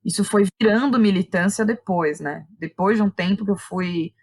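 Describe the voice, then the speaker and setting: Speaking with a Brazilian accent, this woman is a playwright and director appearing as a guest in a reflective, conversational interview. She thinks aloud and frequently checks in with short tag questions. Her voice sits at medium pitch, a little mellow, at a moderate pace.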